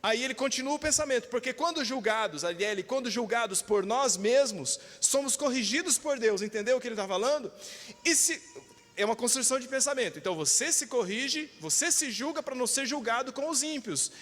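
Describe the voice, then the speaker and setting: A male pastor with a Brazilian Portuguese accent gives an emphatic sermon in a reverberant church hall, calling for amens and acting out the voices he quotes. His voice is very high-pitched, expressive, a bit bright, and fairly quick.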